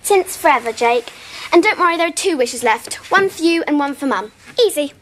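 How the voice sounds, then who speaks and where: A woman's voice: high-pitched, lively intonation, fairly quick, a bit bright, slight background noise. A female actor playing a confident, bossy young girl in a children's television drama, breezy and assured.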